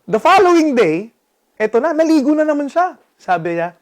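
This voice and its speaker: Brief: Filipino-accented man in his 30s, motivational vlogger, high-pitched, very expressive storyteller. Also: normal speed. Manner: animated, mixes English and Tagalog, acts out his own outbursts. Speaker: vlogger giving relationship advice.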